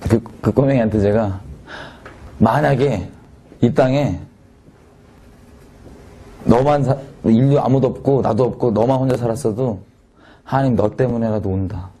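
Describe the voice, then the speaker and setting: A man from Korea preaching a sermon in a conversational, animated way, swinging from loud peaks to quiet asides. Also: medium pitch, moderate pace, pauses often, a little hiss or hum.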